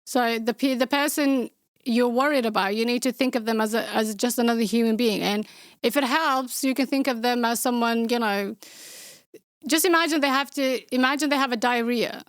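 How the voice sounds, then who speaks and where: On her casual Q&A podcast, a young Somali woman answers viewer questions bluntly and outspokenly, dropping deadpan sarcastic remarks. Her Somali-accented voice is a little high and clean-toned at a normal speed, recorded dry with clean studio sound.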